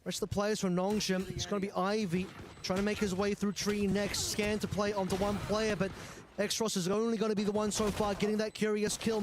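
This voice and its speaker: A man's voice: high-pitched, noisy background. A man giving live esports commentary as a match caster.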